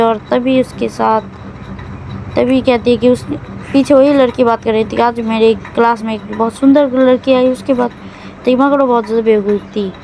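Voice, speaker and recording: A woman's voice: on the high side, darkish tone, slight background noise, low-quality recording. A woman casually recapping a drama's plot in a loose, rambling way, often correcting herself mid-sentence.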